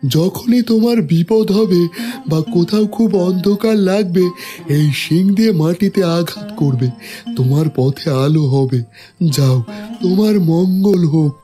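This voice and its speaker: A man as a plaintive, high-pitched talking goat. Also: unhurried, dark tone, faint music behind. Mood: grateful, concerned. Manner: plaintive, earnest. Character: weary, overburdened, grateful talking goat. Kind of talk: cartoon fairy-tale acting.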